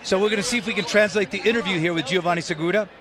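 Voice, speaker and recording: Racing along in a high-pitched voice, a play-by-play boxing commentator delivers live sports commentary with emphatic, dramatic phrasing. Behind him, a loud crowd roars through the arena.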